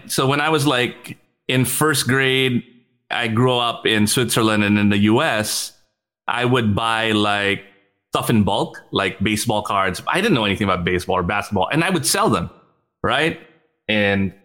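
On a podcast, a startup executive from the Philippines talks in a relaxed interview manner with a mid-pitched, slightly bright voice. His pace is quick, and he laughs frequently, trips on repeated words and mixes into his English.

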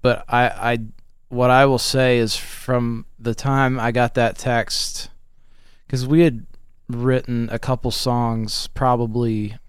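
A man interviewing a guest in a conversational way, asking thoughtful, slightly halting questions. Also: mid-range voice, flat delivery, clean tone, no echo, clean studio sound.

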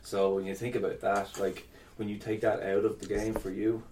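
A man hosting a casual interview, speaking reflectively and haltingly, repeating phrases as he goes. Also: lowish voice, level tone, a little mellow, a little hiss or hum. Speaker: podcast host.

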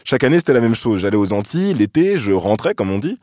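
A man from France hosting a podcast, telling a personal story in a reflective, thoughtful way with soft hesitations. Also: medium pitch, big pitch swings, quick pace, no room sound, clean studio sound. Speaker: podcast host.

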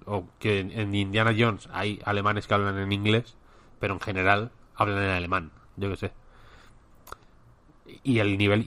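A man's voice: on the low side, pushed and bright. A man with a Spanish accent, co-hosting a casual chat and rambling with many restarts. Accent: Spain. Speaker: podcast co-host.

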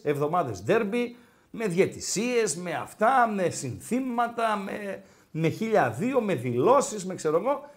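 A man co-hosting a sports talk show, telling anecdotes and acting out the dialogue in casual banter. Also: sits high. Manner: animated storyteller who acts out dialogue.

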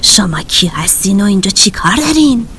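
A woman voicing a haughty, threatening fire dragon in a children's audio story, with a low, whispery hiss. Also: very animated, a bit bright. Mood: menacing.

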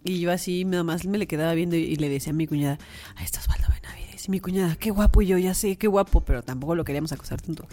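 A woman's voice: lowish voice, rapid-fire, few pauses, mellow, soft background music. Gushing woman with a Mexican accent. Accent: Mexican Spanish. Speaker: podcast co-host. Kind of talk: casual chat.

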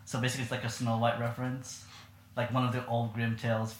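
A man's voice: mid-range voice, completely flat delivery, quick pace, a little hiss or hum. A young man hosting a podcast, talking casually in a rambling way with lots of fillers and laughs. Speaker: podcast host. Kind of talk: casual chat. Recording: echoey room.

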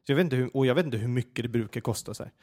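A man telling a personal story in a casual podcast chat, animated and full of fillers and restarts. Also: mid-range voice.

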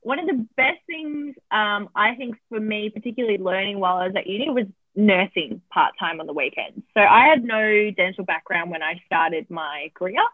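A woman's voice: medium pitch, moderate pace, hardly any pauses, no echo. A woman, an oral health therapist, answering interview questions in a chatty way with plenty of fillers, heard over a remote call. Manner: chatty, laughs easily, frequent fillers. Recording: tinny phone-line sound, dry.

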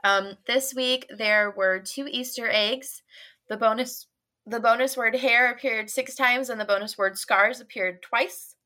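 A woman's voice: on the high side, fairly even intonation, a little slow, bright, forceful tone. A young woman hosting a casual book discussion podcast, gushing and laughing often. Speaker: podcast host.

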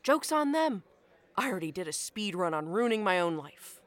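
A woman's voice: mid-range voice, big pitch swings, normal speed, natural voice. An actress playing a blunt, foul-mouthed woman cook who answers with crude, sarcastic jabs, in a fiction podcast drama. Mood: defiant.

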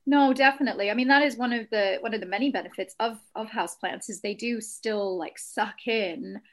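A woman's voice: a little high, a little fast, a bit bright. A woman in her thirties from Texas with a blended Texan and British accent, a guest chatting reflectively over a video call with lots of "like" and "you know.". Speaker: guest, cactus shop owner. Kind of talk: casual interview chat.

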